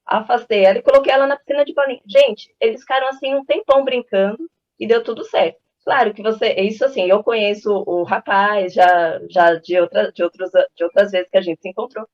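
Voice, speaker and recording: A woman in her thirties from Brazil talks quickly and casually about raising children. She strings anecdotes together and acts out the quoted voices of the people in them. The recording sounds a little dull and lo-fi. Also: medium pitch. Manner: chatty, storytelling, acts out quoted dialogue. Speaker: parenting channel host. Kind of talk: casual advice talk with anecdotes.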